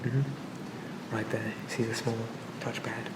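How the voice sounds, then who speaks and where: In this ASMR roleplay, a man voices a calm, charming male AI assistant to a police officer, speaking slowly and naturally with gentle, hesitant reassurance. His tone is conversational and his pitch narrow and steady. Background noise is clearly audible, and the sound is distant and echoey.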